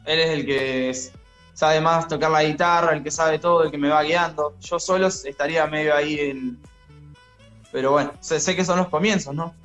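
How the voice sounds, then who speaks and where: Young man, shy, earnest, slightly high voice. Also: steady tone, moderate pace, a bit bright, faint music behind. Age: young adult. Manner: shy but friendly, earnest. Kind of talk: casual interview chat.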